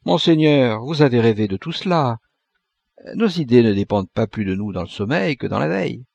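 A man reading an audiobook, voicing a calm good genie and valet who explains things patiently and deferentially. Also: medium pitch, brisk, creaky, no echo. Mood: reasoning.

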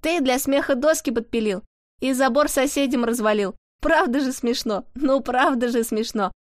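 A woman's voice: high voice, moderate pace, no echo, clean studio sound, natural voice. A woman voicing a mischievous prankster who recites a teasing rhyme. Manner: sing-song teasing.

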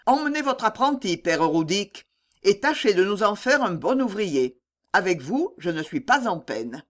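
A stern, cold older factory director from a classic novel, voiced by an audiobook reader. He speaks briskly and curtly, with his pitch rising and falling freely, and he dismisses people in a few words. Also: sing-song, lightly acted. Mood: dismissive.

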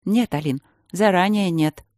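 A woman reading an audiobook voices a queen, a tired older sister who speaks warmly but anxiously. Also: fairly low pitch, unhurried, dry recording, lightly acted. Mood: weary.

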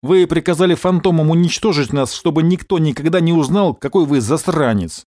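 A man voicing an angry, defiant pilot who is shouting accusations down a phone line. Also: a little high, fairly quick, dry recording, studio quality, voice pushed up, natural voice. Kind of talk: audiobook character voice.

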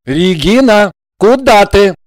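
A hot-tempered young man, as an actor plays him in an audio drama, quick to curse and shout. His voice sits fairly high for a man. The recording is close and dry. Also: expressive, no echo. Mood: dismissive.

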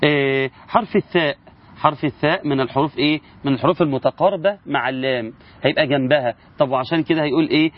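Captured in a muffled recording, this man's voice is fairly high and rapid-fire. With an Egyptian Arabic accent, he teaches the rules of Quran recitation informally and throws rhetorical questions at his audience.

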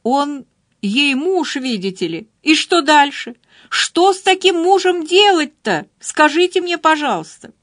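A woman's voice: high voice, sing-song, moderate pace, no room sound, clean studio sound, voice pushed up. A woman voicing an outspoken, exasperated female friend who scolds and pleads emphatically.

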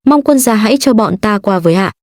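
A woman's voice: mid-range voice, expressive, fairly quick, dry recording, clean studio sound, close to an everyday voice. A woman voicing a loyal young male guard who speaks deferentially in a read-aloud story. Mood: respectful.

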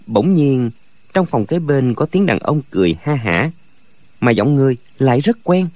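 A man narrating a martial-arts novel as an expressive audiobook reader. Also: medium pitch, normal speed, dry recording. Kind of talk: storytelling narration.

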